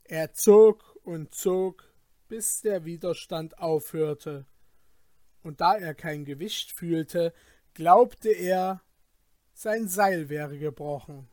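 Slow, high-voiced male storyteller. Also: warm tone, dry recording, clean studio sound. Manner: measured, dramatic storytelling. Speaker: narrator. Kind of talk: scripted audiobook narration.

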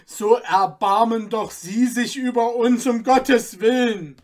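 A woman's voice: on the high side, slow, pitched above the performer's own voice. A woman doing a pleading, desperate craftsman father. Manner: pleading, loud. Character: poor male knife-smith father, begging.

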